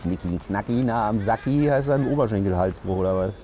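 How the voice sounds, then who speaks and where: A man's voice: on the low side, fairly quick. A man doing a satirical comedy monologue outdoors, delivering jokes and punchlines. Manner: jokey, punchline delivery with lively swings.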